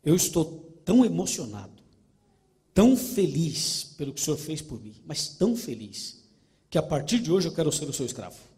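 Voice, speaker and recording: A man's voice: fairly high pitch, sing-song, normal speed, dark tone. A Brazilian man voicing a freed slave in a sermon story, speaking in a wary, emotional, pleading way. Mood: moved. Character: freed slave, suspicious then grateful man.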